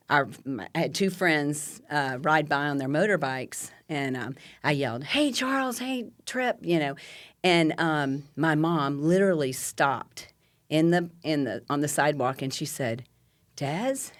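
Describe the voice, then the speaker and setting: A woman's voice: low-pitched, dry recording. An older woman, the host's mother, telling stories in a casual podcast chat and laughing often. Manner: chatty storyteller, laughs often, many fillers.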